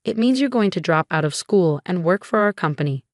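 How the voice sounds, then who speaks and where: A woman's voice: lowish voice, lively intonation, fairly quick, no echo, clean studio sound, lightly acted. A woman narrator voicing a cold, dismissive mother who scolds curtly. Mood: scornful. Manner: curt, belittling.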